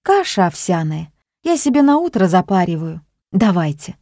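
A woman's voice: lowish voice, big pitch swings, moderate pace, dark tone, dry recording, studio quality. A woman doing a fussy, theatrical grandmother. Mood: dry. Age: older. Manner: dramatic, gasping, fond of odd pronouncements.

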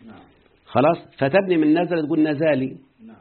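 An Arabic grammar teacher with an Egyptian Arabic accent gives a quick classroom lesson, repeatedly asking students rhetorically whether they understand. His husky, breathy voice is fairly high with fairly even intonation, and it comes through narrow, muffled, phone-like lo-fi audio.

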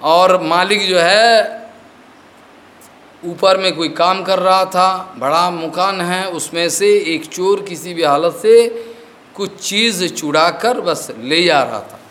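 A man's voice: high-pitched, slow pace, a bit bright. A man giving a devotional discourse as a spiritual teacher, explaining with stories, slipping in English words and often asking whether his listeners have understood.

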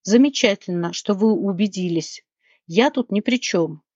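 A woman's voice: medium pitch, measured pace, darkish tone, slightly rough, no room sound. Prim demanding lady, clipped curt delivery, read by a woman narrator; dry storybook recording. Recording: dry, slightly muffled recording.

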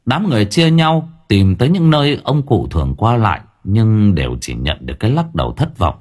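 A man narrating an audiobook in a dramatic, expressive manner. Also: on the low side, a little fast, slightly rough. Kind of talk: scripted narration.

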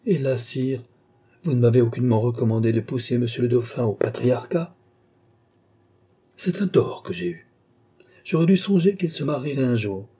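A male reader plays a timid elderly tutor to a prince, deferential and easily flustered. He answers in a soft, hesitant way, with a dark husky tone. He sounds evasive and nervous before the king. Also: mid-range voice, normal speed, pauses often, close to an everyday voice. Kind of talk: audiobook character reading.

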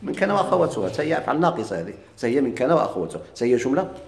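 A man with a Moroccan accent lectures quickly on grammar, answering his own questions and drawing out each example. His voice rings in an echoey room. He sits at a middling pitch. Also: sing-song. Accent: Moroccan Arabic. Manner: asks questions and answers them himself. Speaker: teacher of Arabic grammar. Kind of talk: classroom lecture.

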